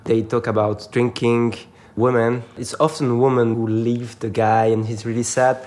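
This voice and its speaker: A man's voice: mid-range voice, level tone, moderate pace, darkish tone. Cheerful French-speaking male musician. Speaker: musician guest. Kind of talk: interview answers.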